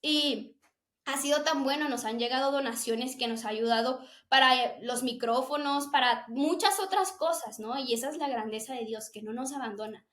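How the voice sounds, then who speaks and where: A woman's voice: high voice, normal speed, fairly bright tone, reverberant. A young woman, fervently sharing a personal faith testimony as an interview guest. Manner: earnest, fervent, emotional.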